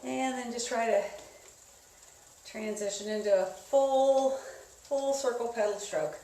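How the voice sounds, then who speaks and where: A woman's voice: fairly high pitch, takes it slowly, warm tone. Echoey, distant woman leading spin class. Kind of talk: instructional coaching, casual. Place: indoors, echoey room. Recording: echoey room, distant mic, clear noise.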